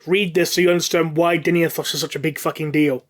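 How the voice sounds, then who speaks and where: A man in casual podcast talk strings his explanations together in long run-on sentences and swears casually for emphasis. His voice sits a little higher than most men's. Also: steady tone, quick pace. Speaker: podcast panelist. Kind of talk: casual chat.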